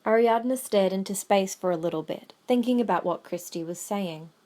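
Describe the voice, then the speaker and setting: A woman narrates an audio drama, reading scripted story passages in a medium-pitched, somewhat dark voice at a normal speed.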